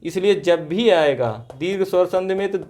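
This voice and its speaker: A male teacher with a high but darkish voice drills grammar rules at normal speed in a classroom lecture with call-and-response. He checks understanding constantly with tag questions like "right?", repeating himself and working through the rules step by step.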